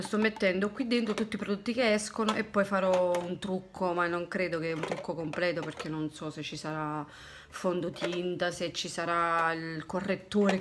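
A woman from Italy talks through her makeup products in a loose, chatty way, often trailing off into quiet asides to herself. Her voice sits a little low. She is close to a phone in a small room at home, with clear steady noise and clicks behind her. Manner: chatty, thinking aloud while tidying products, drifting to low asides. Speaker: beauty vlogger. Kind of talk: casual makeup chat to camera. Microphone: phone camera close up.

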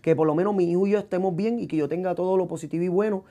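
A man's voice: high voice, steady tone, racing, warm tone. A man being interviewed as a singer, talking in a rambling, playful way, repeating himself and stuttering over words. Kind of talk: casual interview chat.

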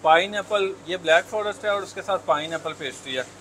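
His voice is high, quick and sharp in this low-quality recording, with crowd chatter and traffic in the background. A young Lahori food vlogger from Pakistan, speaking with an Urdu accent and a lapel mic, keenly chats his way through a busy bakery, saying "yaar" a lot.

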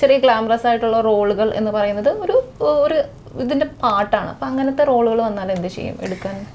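A woman's voice: on the high side, lively intonation, brisk, a little mellow, a little hiss or hum. A woman interviewer with a Malayali accent, asking questions and backing her guest with frequent agreeing hums.

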